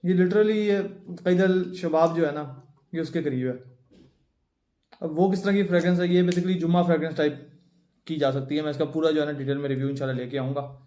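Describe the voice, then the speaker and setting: On the high side with fairly even intonation and a dark tone, a man reviews perfumes indoors at home. He chats casually, unboxing and sniffing each bottle while thinking aloud. His phone and plug-in USB-C mic pick up an echoey room.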